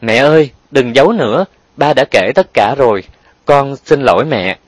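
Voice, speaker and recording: A man's voice: medium pitch, normal speed, no echo, natural voice. A man reading an audiobook and voicing an emotional young son, pleading and choked with feeling. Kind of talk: audiobook character voice.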